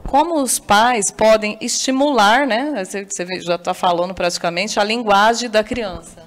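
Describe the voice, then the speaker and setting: A Brazilian woman hosting a TV interview, enthusiastic and quick to chime in with agreement. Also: medium pitch. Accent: Brazilian Portuguese. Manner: enthusiastic, frequent affirming interjections. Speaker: TV interview host. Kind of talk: TV studio interview.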